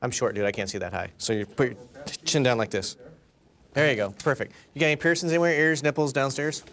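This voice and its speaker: A man's voice: medium pitch, fast, fairly bright tone. A man working as a jail officer, talking off the cuff in a matter-of-fact, dryly joking way. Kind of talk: unscripted interview and booking talk. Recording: music under reality TV audio.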